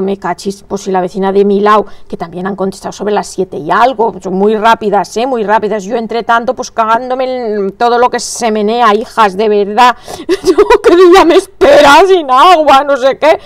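A woman talks through a crochet lesson in a relaxed, chatty way, often murmuring her stitch counts to herself. Her voice sits a little high. It is recorded close to the mic, with a dry sound and no room echo. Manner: chatty, thinks aloud, counts stitches under her breath. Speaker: crochet instructor. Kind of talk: casual crochet tutorial.

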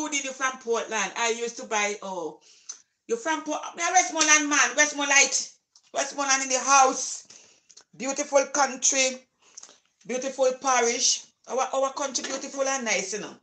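A woman's voice: high-pitched, unhurried, long pauses, bright, forceful tone, echoey room. An older woman with a Jamaican accent, chatting casually in her home kitchen as a cooking vlogger, slipping into patois and laughing often. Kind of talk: casual chat while cooking. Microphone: phone camera set on the counter.

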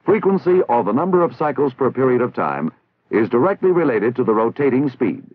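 An American man narrates a 1960s army training film in a formal, measured, didactic way, his intonation animated. His mid-range voice has a breathy edge, and the audio is the tinny, band-limited sound of an old film track with no room sound.

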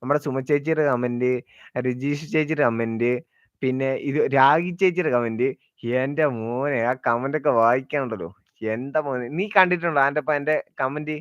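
At a moderate pace and medium pitch, a live-stream host casually chats with viewers, teasing them and saying hello by name as he goes through their comments. The audio is dry and slightly dull, with no room sound.

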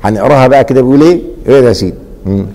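Egyptian guy teaching grammar, keeps asking the class to finish his sentences, mellow warm tone. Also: medium pitch, racing. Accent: Egyptian Arabic. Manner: quizzing, leaves blanks for students to fill.

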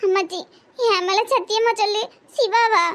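A tearful young village woman in a cartoon comedy, voiced by a performer, pleading softly in a Tirunelveli Tamil accent. her voice sits very high and squeaky. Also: steady tone, normal speed.

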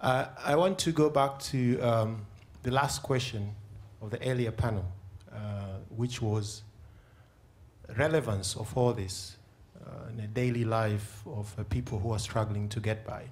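A man from Tanzania, a member of parliament, putting a question from the audience of a conference hall in a measured way, with frequent uhs, into a handheld mic. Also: on the low side, steady tone.

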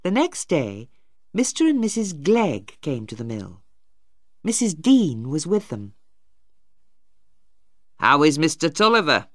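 A woman narrating a storybook slowly and clearly. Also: low-pitched, no room sound, clean studio sound. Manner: slow, even, carefully clear. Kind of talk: scripted audiobook narration.

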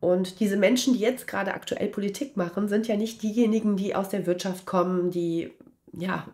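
A woman coach giving a frank, opinionated solo monologue with lively emphasis. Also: mid-range voice, normal speed. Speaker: awareness coach.

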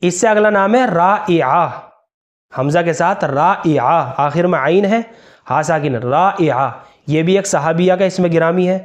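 A man teaching as a religious scholar, slowly spelling out names letter by letter in a careful instructional talk. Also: high-pitched. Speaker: Islamic scholar.

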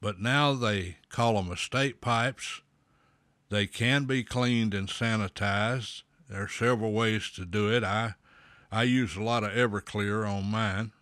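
A man talking slowly with a pipe in his mouth, a folksy host explaining at a measured pace with pauses. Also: fairly low pitch, fairly even intonation, fairly bright tone, no echo. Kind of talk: slow, deliberate explainer talk.

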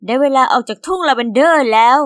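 A woman tells an animated story in the first person, voice high and clear-toned. She is chatty and speaks straight to the listener. The sound is dry and close. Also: quick pace, no room sound.

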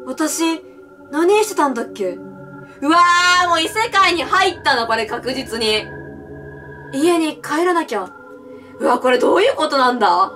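A woman streamer playing a horror game, commenting with excitable, frightened reactions and shouts. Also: high-pitched, a little slow, pauses often, recorded from a distance, faint music behind. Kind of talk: let's play commentary.

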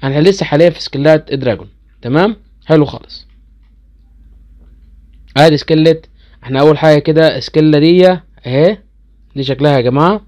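A man's voice: on the high side, quick pace, pauses often, darkish tone. A man with an Egyptian accent chatting casually to viewers as he explains game skills, easily incredulous. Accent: Egyptian Arabic. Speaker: gaming channel host.

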